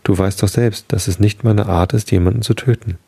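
A man voicing a gloomy, gentle old bull elk in a storybook reading, speaking in a subdued, heavy-hearted way. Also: fairly low pitch, steady tone, a little fast, gravelly, slightly rough, dry recording. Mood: downcast.

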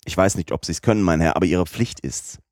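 A man reading a storybook, voicing a composed, clipped gentleman of few words. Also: sits low, a little fast, no echo, studio quality, close to an everyday voice. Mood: resolute. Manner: calm, clipped and resolute.

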